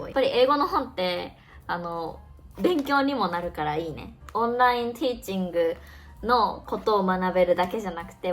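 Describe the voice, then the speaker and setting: A woman in her twenties who teaches languages online chats casually through her day in a vlog. She thinks aloud and stretches out her words, speaking at a medium pitch.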